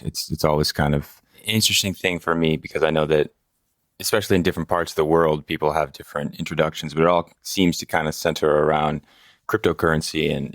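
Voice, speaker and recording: A man hosting an interview podcast, asking his questions in a relaxed, conversational way. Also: extremely low pitch, no echo, clean studio sound. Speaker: podcast host.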